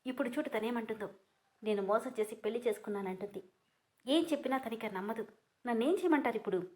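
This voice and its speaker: A woman's voice: fairly high pitch, quick pace, darkish tone, close to an everyday voice. A woman voicing an anguished young husband in a storybook reading, pleading earnestly with his wife to listen. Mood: frustrated.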